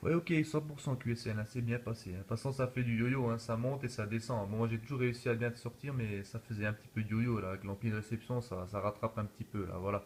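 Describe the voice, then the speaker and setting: Talking fast with few pauses, this man has a medium-pitched voice and a steady tone. He's a relaxed amateur radio operator making casual on-air small talk. A phone in video mode captured it in a noisy room.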